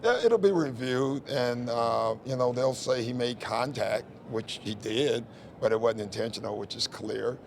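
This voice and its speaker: A man's voice: medium pitch, a little slow, vocal fry, a little hiss or hum. A man who coaches a team, answering reporters at a postgame press conference in a candid, conversational way, often saying "you know" and "listen". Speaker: head coach.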